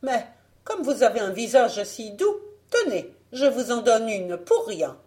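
A woman's voice: fairly high pitch, sing-song, a little slow, warm tone, voice pushed up. A woman voicing a vain, furious wicked queen. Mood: coaxing, false. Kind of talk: audiobook fairy tale reading.

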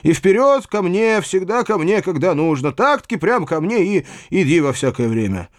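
A flustered, kindly old landowner, as a male reader puts him on, his high voice jumping about as he pleads and fusses. He gets out his words in quick, timid bursts, close and dry like an audiobook. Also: big pitch swings, no echo. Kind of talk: audiobook character voice.

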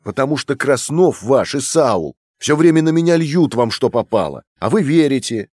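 A man's voice: mid-range voice, lively intonation, moderate pace, darkish tone, no echo, clean studio sound, voice pushed up, close to an everyday voice. A man reading a Russian novel aloud, voicing a younger male scientist who sounds guarded and defensive. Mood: aggrieved.

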